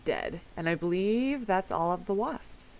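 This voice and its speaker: A woman's voice: mid-range voice, lively intonation, a little slow, darkish tone, a little hiss or hum, rough recording. A woman narrating as game master in a casual, giggly way, with lots of fillers.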